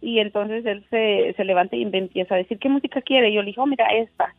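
A woman's voice: mid-range voice, fairly even intonation, quick pace, no echo, faint music behind. A Mexican woman in her fifties tells a rambling story down a thin, tinny phone line. The sound is dry and close, and she laughs easily and keeps restarting her sentences. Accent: Mexican Spanish. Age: 50s. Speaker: caller. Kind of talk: casual storytelling.

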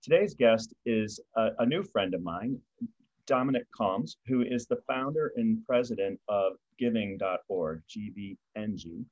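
A man hosting an interview podcast, introducing his guest and asking questions in a friendly, measured way. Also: on the low side, expressive, a little mellow, highs cut off. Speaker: podcast host.

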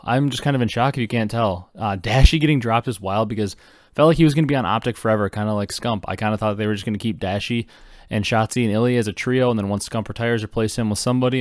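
Excited young man rambling fast, low voice. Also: no room sound, studio quality. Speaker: podcast host. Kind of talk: casual esports news commentary.

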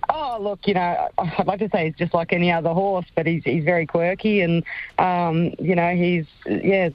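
A woman's voice: on the low side, moderate pace, no room sound, lo-fi sound. An Australian woman, a racehorse trainer, chatting in a radio interview over the phone, hesitant and full of ums and restarts.

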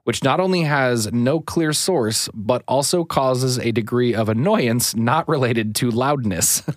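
A man's voice: medium pitch, measured pace, no echo, studio quality. A man co-hosting a podcast in casual chat, joking and a bit self-deprecating. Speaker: podcast co-host.

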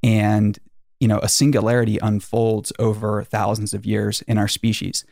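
A male podcast host with a slightly low, gravelly voice, recorded close and dry in a garage. He rambles casually and jokes drily. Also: completely flat delivery, moderate pace, darkish tone, no room sound.

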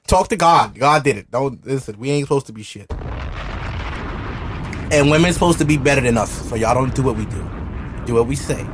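A Brooklyn, New York man hosts a studio podcast while drinking alcohol, chatting loosely and profanely in a brash, provocative way and laughing often. His voice is mid-range and a bit bright, with slight background noise in the recording.

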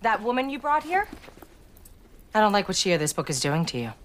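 A woman's voice: mid-range voice, big pitch swings, brisk, close to an everyday voice. An actress playing a controlling, menacing mother who is secretly an evil queen in a television drama. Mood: cold, wounded.

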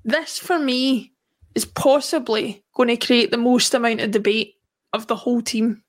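Woman co-hosting a footie podcast, kinda high voice, steady, goes through player lists. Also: moderate pace. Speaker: podcast co-host. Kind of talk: casual football chat.

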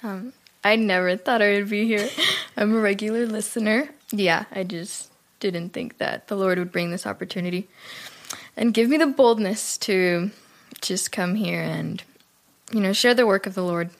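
A woman from Cuba tells her testimony as a podcast guest. She speaks a little nervously, with soft laughs. Her pitch sits in the middle. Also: moderate pace. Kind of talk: personal testimony chat.

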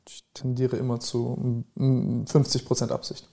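Podcast host w/ a kinda gravelly voice, thinks out loud and repeats back what the guest said. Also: mid-range voice, completely flat delivery, measured pace. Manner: reflective, paraphrases what the guest says. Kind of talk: interview questions.

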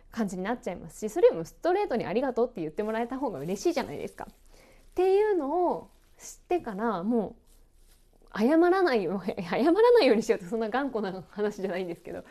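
A woman announcer hosting her own podcast, chatting in a relaxed way, laughing often and poking fun at herself. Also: a little high. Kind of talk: relaxed solo podcast chat.

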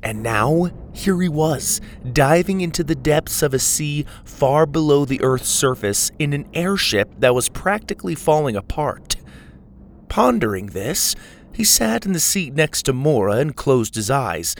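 A man narrating a storybook with expressive, dramatic delivery. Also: medium pitch, a little slow, slight background noise.

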